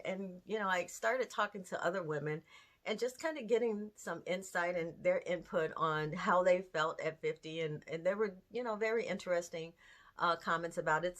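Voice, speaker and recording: Earnest woman in her fifties, lower voice. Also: a bit bright. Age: 50s. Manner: earnest, conversational, emphatic with rhetorical questions. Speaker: host. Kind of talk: candid talk to camera.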